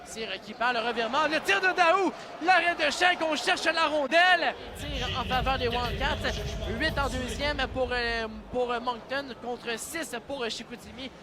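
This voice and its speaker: This Quebec French-accented hockey announcer has a very high voice and an unhurried delivery, though his excited calls stay urgent and explode into shouts whenever there's a shot or goal. Loud cheering and arena music fill the background.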